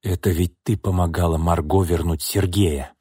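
A man voicing an enraged older man who shouts harshly and without mercy. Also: sits low, steady tone, moderate pace, slightly rough, dry recording, studio quality. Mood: furious. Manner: shouting, merciless.

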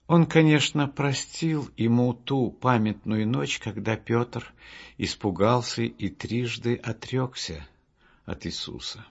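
Slow, gravelly male storyteller. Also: mid-range voice. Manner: slow, measured reading. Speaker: audiobook narrator. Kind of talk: storybook narration of Bible stories. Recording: dull lo-fi audiobook with soft music.

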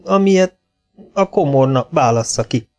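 A man's voice: mid-range voice, animated, a little mellow, soft background music, voice pushed up, lightly acted. A man reading aloud voices a frank, direct young woman posing as an archduchess. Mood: bossy. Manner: frank and direct, stammers when flustered.

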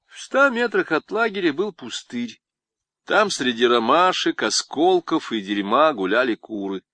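A man narrating an audiobook in an expressive, ironic storytelling manner. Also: mid-range voice, unhurried, no echo.

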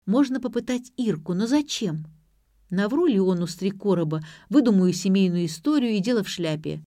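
A woman's voice: medium pitch, expressive, mellow, no echo, studio quality, lightly acted. A woman putting on a sarcastic young student girl. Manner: mocking, quick retorts.

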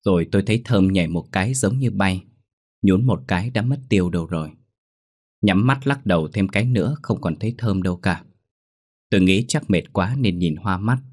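A young man calmly narrating a first-person ghost story. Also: low-pitched, a little fast.

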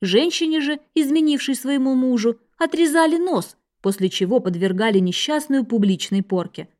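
A woman reads a scripted history narration in an even, measured way. Her voice sits somewhat high for a woman. She keeps a steady reading pace throughout.

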